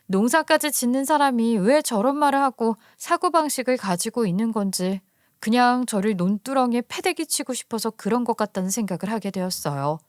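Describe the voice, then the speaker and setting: Female story narrator, higher voice, dry sound, conversational and indignant. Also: no echo.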